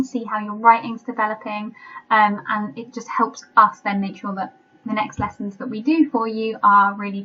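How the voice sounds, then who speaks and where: A woman with an English accent, a French teacher narrating a recorded remote lesson and reading dictation slowly and deliberately. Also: medium pitch, lo-fi sound. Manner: slow, deliberate dictation with clear repetition.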